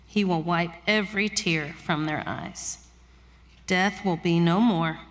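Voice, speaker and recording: Woman pastor, unhurried reflective sermon delivery, reverberant church hall. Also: fairly low pitch.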